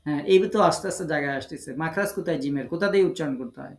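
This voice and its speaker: A man on the high side speaks very fast with a Bangladeshi Bengali accent, heard through an echoey, low-quality recording. In his online recitation class he patiently quizzes students by video call, encourages them, and fixes their pronunciation.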